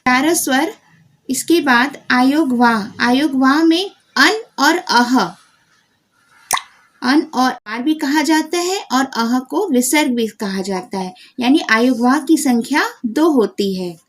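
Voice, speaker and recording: A woman's voice: high voice, slow, rough recording. A woman teaching a grammar lesson to children, calling out the letters one by one. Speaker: Hindi teacher. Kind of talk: slow classroom grammar lesson.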